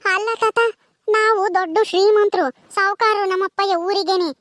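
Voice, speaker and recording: A tearful, vengeful young village granddaughter, played by a woman with a rural Tumakuru Kannada accent. She pleads and complains in a very high, thin voice. The recording is close and dry. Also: steady tone, moderate pace, fairly bright tone, dry recording. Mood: bitter. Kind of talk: village family drama acting.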